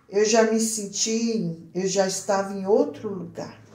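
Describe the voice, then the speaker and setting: A woman giving an earnest personal religious testimony, speaking haltingly and often repeating words and restarting phrases. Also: mid-range voice, warm tone, roomy sound. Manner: earnest, addresses listeners directly.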